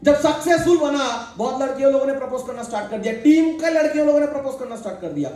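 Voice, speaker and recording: A man's voice: very high voice, lively intonation, quick pace, a little mellow, recorded from a distance. A middle-aged man giving a preachy motivational talk to a team, often quizzing the crowd and cracking jokes. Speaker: motivational speaker addressing a sales team. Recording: very echoey hall.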